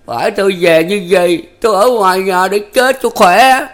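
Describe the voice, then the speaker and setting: Man voicing a young scarred peasant, bitter, strained, pitched high and loud, storybook reading. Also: normal speed, natural voice. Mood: anguished.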